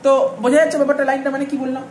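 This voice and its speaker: A man's voice: very high-pitched, little pitch movement, very fast. A man teaching accounting in an informal lecture, talking straight to his students and checking often that they follow. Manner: informal, addresses students directly with frequent "all right?" checks. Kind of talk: classroom-style lecture. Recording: echoey room with faint ambient noise.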